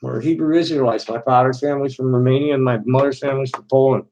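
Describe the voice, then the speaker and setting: A middle-aged man from Chicago rambling casually to his chat, halting with frequent restarts and fillers. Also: mid-range voice, fairly even intonation, a little mellow, muffled recording, slight background noise. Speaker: live stream host.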